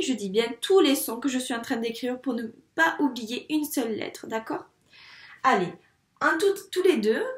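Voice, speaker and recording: A woman teacher from France giving a young child a handwriting lesson, spelling out sounds slowly and clearly, syllable by syllable. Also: high voice, reverberant. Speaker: first-grade teacher.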